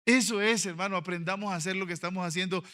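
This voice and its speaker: A high-voiced, bright male pastor, preaching to an auditorium. He tells stories softly, then rises into fervent, ringing exclamations. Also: quick pace. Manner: animated preaching, swinging from quiet storytelling to fervent shouting. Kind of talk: sermon. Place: convention auditorium.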